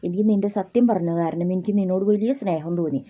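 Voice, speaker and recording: A woman's voice: on the low side, fast talker, close to an everyday voice. A woman telling it as a kind river mermaid, tinny. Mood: gentle. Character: kind female river mermaid, later angered. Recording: tinny phone-like sound.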